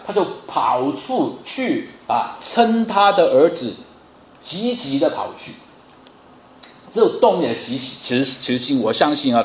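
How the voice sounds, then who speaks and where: A man's voice: on the high side, roomy sound. A man preaching a sermon in a conversational way, with fillers and frequent rhetorical questions. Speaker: pastor.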